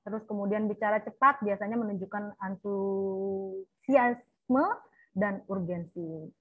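A woman's voice: medium pitch, level tone, unhurried, no echo. A middle-aged woman lecturer coaching students in a chatty way, full of little "ya" and "nah" fillers. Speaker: university lecturer. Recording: thin phone-like sound, dry.

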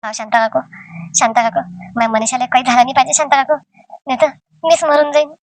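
A woman's voice: high-pitched, fast, dry recording, natural voice. A woman voicing a distraught young village husband in a cartoon, pleading and tearful, with a Varhadi Marathi accent.

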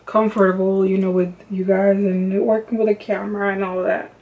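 A woman's voice: medium pitch, flat delivery, moderate pace, darkish tone, poor audio. Chatty woman vlogger doing her makeup. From Los Angeles, United States. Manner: chatty, rambling, many "like" and "um" fillers. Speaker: beauty vlogger. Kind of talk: casual makeup tutorial chat. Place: home bedroom with lamps and makeup shelves.

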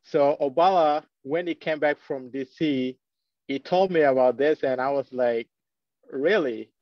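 A man's voice: medium pitch, a little slow, no room sound, highs cut off. A young man from Ethiopia, a researcher, introducing himself eagerly on a video call with some restarts. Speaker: neuroscience researcher.

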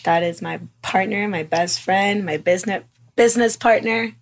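A woman's voice: mid-range voice, moderate pace. A woman from Venezuela, a new realtor guest on a podcast, giving short giggly answers. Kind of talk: casual podcast chat. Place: small office studio.

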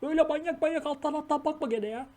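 A woman's voice: sits high, rapid-fire. A woman streamer in casual reaction commentary, exasperated, scolding the characters on screen, swearing and muttering prayers. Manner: swears and mutters prayers while she talks.

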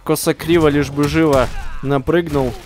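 A man's voice: a little high, steady tone, moderate pace. Slangy man commentating gameplay over music. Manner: informal, slangy, self-deprecating grumbling. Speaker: gaming video host.

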